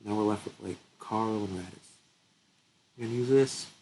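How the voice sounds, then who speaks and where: This gaming channel host is a young man whose stuffy nose suggests he's getting sick. His voice is on the low side, a little mellow, at normal speed, as he chats casually through gameplay, laughing often and thinking aloud. The low-quality recording has slight background noise.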